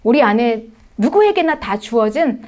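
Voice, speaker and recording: A woman's voice: on the high side, big pitch swings, moderate pace, darkish tone. A middle-aged woman pastor preaching a sermon, emphatic, with frequent rhetorical questions and short affirming words to the congregation.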